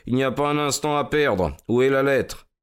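A man voicing a calm, authoritative gentleman detective who speaks in a measured, deliberate way. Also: medium pitch, smooth, voice pushed up, close to an everyday voice. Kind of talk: audiobook character voice.

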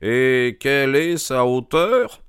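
A man voicing a keen, precise male detective in an audiobook, raising his voice into quick, probing questions. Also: mid-range voice, clear, resonant tone, no echo, studio quality, pitched above the performer's own voice. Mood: inquisitive. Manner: quick, questioning, excited interjections. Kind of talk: audiobook character reading.

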